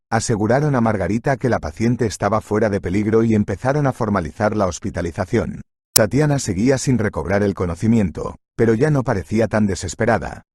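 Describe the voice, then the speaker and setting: Low, husky male storyteller. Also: a little mellow, no echo, clean studio sound. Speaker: narrator. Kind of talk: scripted story narration.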